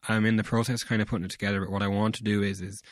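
A man's voice: lowish voice, flat delivery, racing, no echo. Young West of Ireland man, dry close sound. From County Mayo, Ireland. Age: young adult. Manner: rambling, informal, peppered with 'like' and 'you know'. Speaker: guest, bass player. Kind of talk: casual chat.

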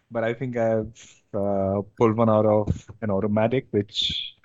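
A young man from India, chatting casually as an interview guest, relaxed and hesitant with many fillers. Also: fairly low pitch, slow pace, no room sound, muffled recording. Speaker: interview guest, amateur drifter.

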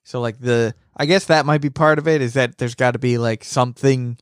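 A man's voice: medium pitch, a little fast, clean tone, dry recording, clean studio sound. Blunt, foul-mouthed man chatting about anime. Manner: blunt and profane, with animated quips. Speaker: podcast co-host. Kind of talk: casual chat recapping an anime episode.

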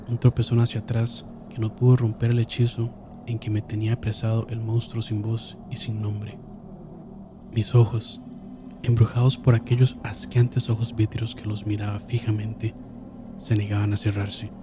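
A man narrating a horror story in a slow, solemn manner, dropping to a hush and swelling again. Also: lowish voice, noisy background. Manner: slow, solemn, with hushed drops and sudden swells. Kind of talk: dramatic horror story reading.

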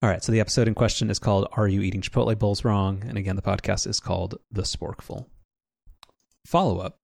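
A man's voice: fairly low pitch, fairly even intonation, fast talker, gravelly, darkish tone, dry recording. A man co-hosting a podcast, rambling casually with restarts and dry sarcasm. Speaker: podcast co-host.

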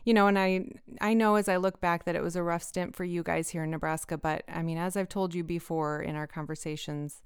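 A woman in her forties hosting an interview, talking warmly and gratefully, with frequent laughter. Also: lowish voice, clean tone, dry recording, studio quality. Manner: warm, grateful, laughing often. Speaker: podcast host. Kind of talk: casual interview.

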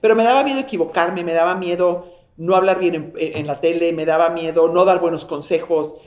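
A businesswoman and author with a Mexican Spanish accent chats effusively and reflectively as an interview guest, often restarting her sentences. Her voice is lowish, brisk and a little mellow, and the room is echoey.

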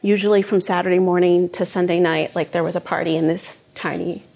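A woman's voice: lowish voice, steady tone, a little fast, vocal fry, a little mellow. A middle-aged woman from New Jersey, a cookbook author, talking candidly in a casual onstage conversation and laughing often. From northern New Jersey.

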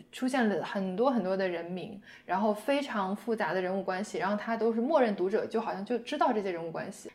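A woman, around thirty, co-hosting a book podcast, chatting in a lively, talkative way. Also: mid-range voice. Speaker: podcast co-host. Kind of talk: casual chat about books.

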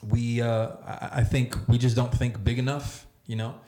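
A man hosting a casual round-table discussion, speaking haltingly and often repeating words as he works toward his point. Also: mid-range voice, flat delivery, dark tone. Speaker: podcast host and church leader. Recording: roomy, echoey sound.

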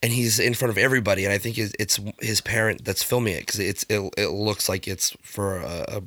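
A man with a lowish voice co-hosting a podcast, telling a story in a halting way, pausing and filling gaps as he goes. He is recorded close and dry, with no room sound around him. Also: steady tone, fairly bright tone, dry recording. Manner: halting, hesitant, many fillers while telling a story. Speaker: podcast co-host. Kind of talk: casual chat, storytelling.

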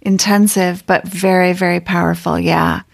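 A woman's voice: lowish voice, level tone, moderate pace, gravelly. An American woman hosting a podcast interview, chatting enthusiastically and asking questions. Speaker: podcast host. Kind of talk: casual interview chat.

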